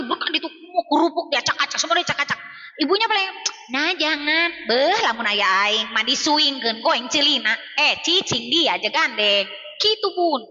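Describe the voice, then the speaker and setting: A woman's voice: sits high, sharp tone, big-room sound, dull audio. A woman preacher with a Sundanese accent giving chatty, emphatic religious advice to mothers, often addressing them as Bun and acting out scolding mothers in little voices. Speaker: female Islamic preacher. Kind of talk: informal religious advice talk on a live stream. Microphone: phone on a live stream.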